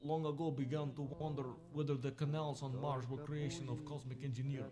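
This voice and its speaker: A man putting on a clumsy mock Russian accent to voice a stiff, formal male Soviet scientist, halting as he reads. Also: mid-range voice, little pitch movement, lightly acted. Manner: halting, stumbling reading. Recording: clear background music under voice.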